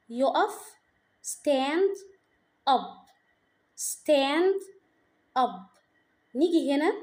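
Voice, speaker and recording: A young woman teacher with an Egyptian Arabic accent talks through a lesson in a high voice. She goes slowly and patiently, saying each word several times for the class to repeat. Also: dark tone. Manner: repeats words slowly for drilling. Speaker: English teacher. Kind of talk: slow explanatory lesson.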